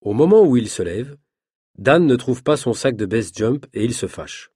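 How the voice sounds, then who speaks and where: A man narrating an easy-reader story aloud in a measured, clearly articulated manner. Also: medium pitch, very animated, a little mellow, no room sound, clean studio sound. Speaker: audiobook narrator. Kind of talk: reading an easy French story.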